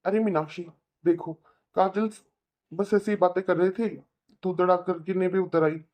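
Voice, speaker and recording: A performer voicing an elder brother in a cartoon, calmly scolding and lecturing with a Hindi accent. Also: mid-range voice, normal speed, natural voice. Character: reasonable elder brother, young married man. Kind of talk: cartoon voice acting.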